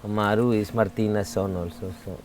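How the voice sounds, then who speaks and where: A man's voice: lowish voice, steady tone, darkish tone, slight background noise. Candid Salvadoran man in his forties. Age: 40s. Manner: earnest, candid, halting non-native English. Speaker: interviewee. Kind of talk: casual interview talk.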